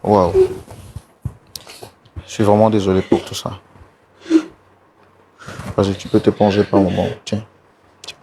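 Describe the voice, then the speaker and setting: A man hosting a talk show, trying to calm a distressed guest and repeating the same pleas over and over. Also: lowish voice, a little slow, long pauses, background noise. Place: TV studio set.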